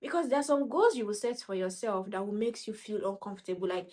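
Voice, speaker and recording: A personal finance vlogger in her 20s gives a casual, motivational talk to camera in an expressive, fast, slightly mellow mid-range voice. She speaks emphatically, repeats her points, and acts out quoted voices.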